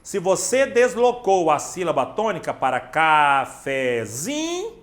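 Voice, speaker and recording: Brazilian male teacher, emphatic online lesson delivery, fairly high pitch. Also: sing-song, slow, fairly bright tone. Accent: Brazilian Portuguese. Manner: emphatic, addresses the student directly. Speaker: Portuguese teacher.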